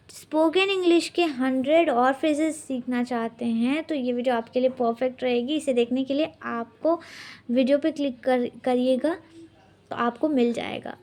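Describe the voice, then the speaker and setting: A woman, teaching spoken English phrases and explaining them patiently in a careful, drilling manner. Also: high voice.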